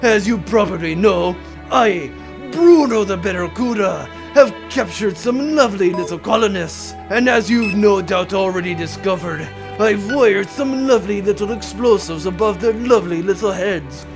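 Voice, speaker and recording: A man's voice: sits high, lively intonation, moderate pace, over music. A man playing a blustering, theatrical barracuda villain in a comic audio drama, gloating with melodramatic menace.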